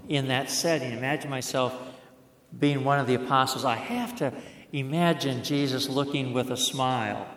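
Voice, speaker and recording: A man preaching a sermon, telling a story in a plain-spoken way and slowing down to stress words. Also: medium pitch, a bit bright. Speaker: pastor. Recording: echoey hall.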